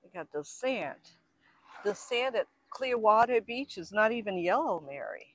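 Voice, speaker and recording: An older grandmother co-hosting an outdoor painting show, relaxed and chatty, agreeing along. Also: mid-range voice, unhurried, highs cut off. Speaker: co-host. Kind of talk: casual chat. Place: outdoors on a lakeside dock.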